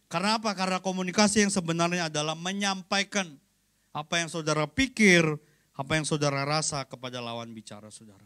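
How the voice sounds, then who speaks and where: A man's voice: a little high, fast talker, pushed and bright. A man, a pastor, preaching a sermon in a conversational, joking way, often turning to the congregation and acting out everyday exchanges. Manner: acts out short everyday exchanges.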